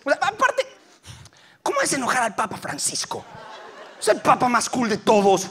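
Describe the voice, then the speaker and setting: Mexican male stand-up comic, bright, piercing voice, animated slangy delivery on a live stage. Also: extremely high pitch, normal speed, husky. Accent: Mexican Spanish. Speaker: stand-up comedian. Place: auditorium stage, live show.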